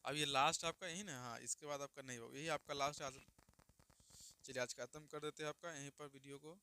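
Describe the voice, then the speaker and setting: A man's voice: fairly high pitch, steady tone, sharp tone, a little hiss or hum. A man teaching a grammar lesson, who keeps asking his listeners questions, answers them himself and sounds out each letter for them to repeat. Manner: sounds out letters slowly for students to copy.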